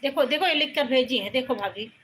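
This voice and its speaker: Woman with a high voice doing a chatty home livestream on her phone, calls out viewers by name, tells off a kid in between. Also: fairly quick, a bit bright, slight background noise. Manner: chatty, welcomes viewers by name and scolds a child off to the side. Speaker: live-stream host. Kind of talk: casual live-stream chat. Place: a room at home.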